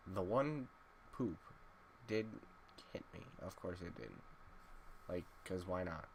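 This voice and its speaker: Sleepy low-voiced man commenting on a game. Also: expressive, slow, creaky, slight background noise. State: sleepy, just woke up. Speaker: gaming YouTuber. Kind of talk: casual gameplay commentary.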